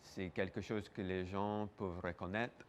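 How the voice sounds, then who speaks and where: A man's voice: low voice, steady tone, measured pace, a little hiss or hum. A man giving hesitant, explanatory answers in a casual interview. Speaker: museum interviewee.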